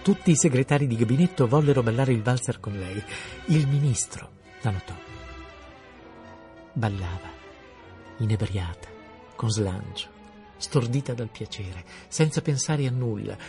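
A man reading a story aloud in a measured, expressive way. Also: mid-range voice, soft background music. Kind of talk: scripted story narration.

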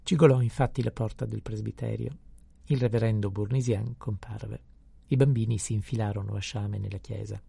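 A man narrating a classic novel in a measured, descriptive audiobook reading. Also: fairly low pitch, steady tone, gravelly, dark tone, slightly rough, dry recording.

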